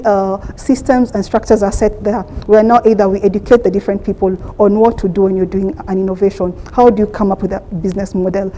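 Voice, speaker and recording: A woman's voice: mid-range voice, warm tone, rough recording. A woman giving an unscripted answer as a panelist. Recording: live event with background noise.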